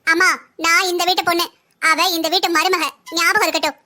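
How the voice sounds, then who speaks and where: A woman voicing a bossy, sharp-tongued older sister-in-law who taunts and scolds in a cartoon family story. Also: extremely high pitch, flat delivery, fairly quick. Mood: scolding.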